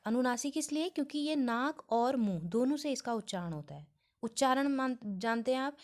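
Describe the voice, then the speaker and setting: Woman teaching a grammar lesson. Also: a little high. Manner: explains step by step, often checks in with listeners.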